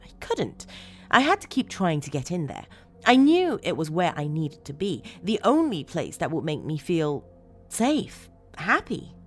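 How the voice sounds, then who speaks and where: Playing a disturbed woman, a female narrator delivers an acted first-person horror confession over music, confiding with obsessive, unsettling fondness and pausing deliberately for drama. Her voice is low and swings expressively, and the mood is disturbed and pleading.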